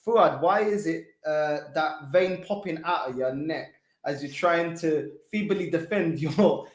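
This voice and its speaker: Male call-in host, fairly high voice, teasing slangy banter, roomy echo. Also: a little slow. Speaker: host of a football fan call-in show. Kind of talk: casual banter and reading out chat comments.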